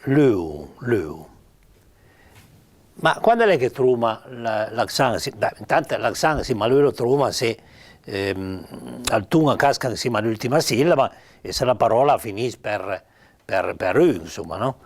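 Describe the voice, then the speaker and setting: Piedmontese-accented guy teaching spelling, bouncy up-and-down voice, repeats words slow and patient, lots of ehms. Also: mid-range voice, animated. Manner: patient, repeats sample words slowly, frequent fillers. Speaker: writer explaining spelling. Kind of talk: informal spoken lesson.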